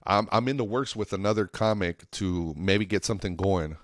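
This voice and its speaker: A man from the Lake Tahoe and Reno area of Nevada, a stand-up comedian, chats casually on a podcast, sharing anecdotes in a rambling, earnest, slangy way with some swearing. His voice is fairly low and moves at a moderate pace. The recording is studio quality with no echo.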